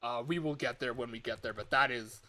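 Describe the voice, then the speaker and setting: On a livestream, a man who makes games as an amateur talks in a loose, unscripted ramble, frequently saying a phrase twice before moving along. His voice is average in pitch for a man, pushed and bright, and his pace is a little fast.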